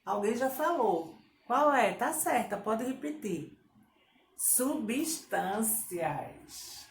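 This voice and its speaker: Woman teacher, slow and encouraging, echoey classroom sound with faint hiss. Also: fairly high pitch, expressive. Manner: slow, encouraging, repeats children's answers. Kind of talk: Portuguese grammar lesson for children.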